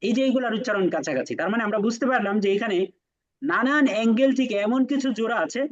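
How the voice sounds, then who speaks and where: High-voiced man teaching in a dull recording. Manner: explains patiently, repeats letter names slowly for comparison; asks students rhetorical questions. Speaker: Quran teacher. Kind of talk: classroom lesson.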